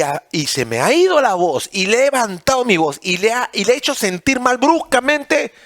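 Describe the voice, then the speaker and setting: A man with a Peruvian Spanish accent preaching a sermon as pastor, swinging between raised, emphatic lines and hushed, pleading ones. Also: high voice, no room sound, clean studio sound.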